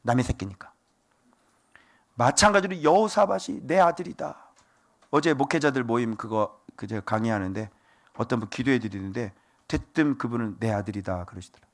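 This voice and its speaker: A man preaching a sermon as pastor, animated and asking the congregation rhetorical questions. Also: medium pitch, brisk.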